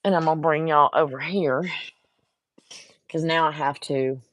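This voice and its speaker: A craft vlogger with a low-pitched voice and fairly even intonation talks in an unhurried manner to viewers while she works on a craft. She grows frustrated and speaks to herself, with slight background noise in the recording.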